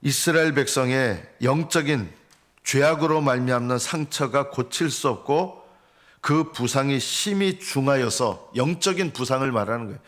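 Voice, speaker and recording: A male pastor delivering an early-morning sermon, speaking earnestly, rising to emphatic cries and dropping to hushed tones. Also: medium pitch. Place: church sanctuary.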